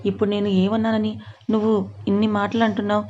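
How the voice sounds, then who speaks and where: Doting young husband, voiced by a woman narrator, coaxing, affectionate, mellow, dull lo-fi. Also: medium pitch, monotone, quick pace, close to an everyday voice. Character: doting young husband, patient but short-fused.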